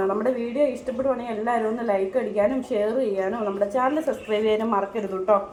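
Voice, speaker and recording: A woman's voice: fairly high pitch, a little mellow, echoey room, slight background noise. A woman chatting casually to her viewers in a home vlog, often turning straight to the audience. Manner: chatty, addresses viewers with frequent "kettō". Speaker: vlogger.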